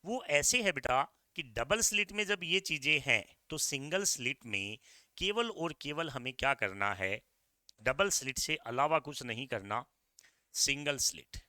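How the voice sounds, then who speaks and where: A middle-aged Indian man teaching exam physics in a very bright, crisp voice. He is energetic, hammers the key points again and again, and talks straight to his students. The sound is dry, with no room around it. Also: medium pitch, a little slow, no room sound. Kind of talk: exam-prep physics lecture.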